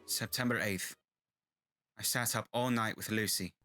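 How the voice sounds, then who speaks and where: A man's voice: on the low side, steady tone, unhurried. An actor playing an earnest, troubled doctor who narrates from his journal in a radio horror drama. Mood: somber, subdued. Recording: loud music behind the voice.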